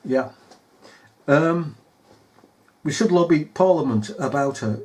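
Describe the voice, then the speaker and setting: Man, sarcastic commentator, high voice, unhurried mocking delivery. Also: expressive, a little mellow. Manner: sarcastic, mocking, often laughing. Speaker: video commentator. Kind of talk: casual commentary over news footage.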